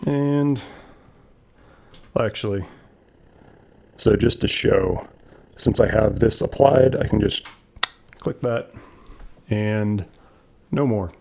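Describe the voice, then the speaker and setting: A man's voice: on the low side, takes it slowly, pauses often, dark tone. A man casually demoing a new audio mixer in his video, rambling along with lots of fillers and restarts. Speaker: YouTube vlogger demoing a mixer. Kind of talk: casual equipment demo.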